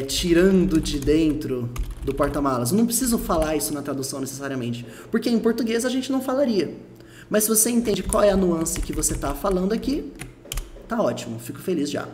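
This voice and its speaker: A man's voice: high-pitched, very animated, brisk, a little mellow, a little hiss or hum. A Brazilian man teaching a lesson, explaining patiently, repeating his points and checking the listener follows. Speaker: English teacher.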